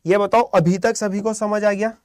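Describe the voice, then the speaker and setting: A man teaching a live online shorthand class, calm and encouraging, quizzing students by name. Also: high voice, moderate pace, dry recording, clean studio sound.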